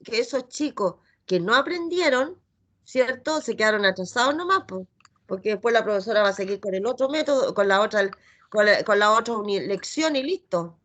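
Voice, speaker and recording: Speaking at normal speed with a medium-pitched, expressive, fairly bright voice, a middle-aged Chilean woman teaches reading. She takes her time sounding out each letter and syllable.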